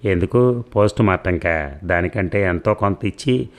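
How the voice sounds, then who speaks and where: A man's voice: low-pitched, moderate pace. A man voicing a cheeky, meddling male friend who needles the doctor with sly remarks. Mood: teasing.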